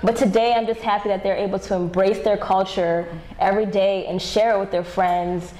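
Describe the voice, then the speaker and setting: A woman's voice: medium pitch, fairly even intonation, a little fast, dark tone, roomy sound. A woman from Zimbabwe co-hosting a talk show, speaking emphatically and laughing between points. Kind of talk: casual chat. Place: living-room studio set.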